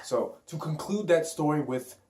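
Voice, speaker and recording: A man's voice: fairly high pitch, animated, moderate pace, background noise. A man who works as a self-awareness coach, talking in a rambling, profane, hyped-up motivational vlog. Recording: roomy echo.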